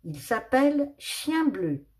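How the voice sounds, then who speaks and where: A bright, high little girl's voice put on by a woman, joyful and calling out. A storybook heroine full of cheer. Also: sing-song, takes it slowly. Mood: cheerful. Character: cheerful brave little girl.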